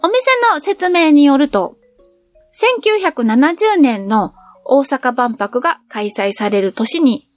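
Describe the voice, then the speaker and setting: A woman's voice: high-pitched, lively intonation, slow pace, dry recording, soft background music. A middle-aged woman narrating her train trip in a cheerful, chatty storytelling manner. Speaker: travel vlogger. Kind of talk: scripted travel narration.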